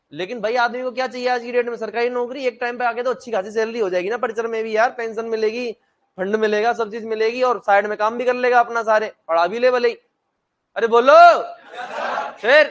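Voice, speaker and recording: A young man teaching a classroom lecture, blunt and joking, who asks his students questions and then answers them himself. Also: high-pitched.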